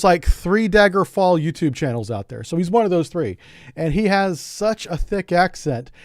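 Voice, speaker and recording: A middle-aged American man streams a game with casual commentary, rambling, joking and often repeating words as he goes. His voice is a little high. The recording is clean studio sound with no echo.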